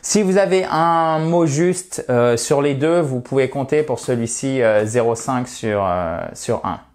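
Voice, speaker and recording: A man's voice: medium pitch, a little slow, a little mellow. Male teacher, casual online lesson, chatty, reassuring, friendly asides. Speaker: English teacher.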